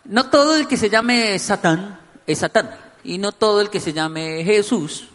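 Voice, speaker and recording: A middle-aged man giving a playful, joking talk to an audience, telling animated stories. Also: sits high, measured pace, big-room sound. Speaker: speaker addressing an audience. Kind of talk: humorous talk to a live audience.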